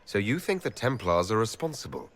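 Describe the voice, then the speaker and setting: A man's voice: lowish voice, big pitch swings, a little fast, a bit bright. A man playing a frank young elven hero in a video game, speaking in a direct, questioning way.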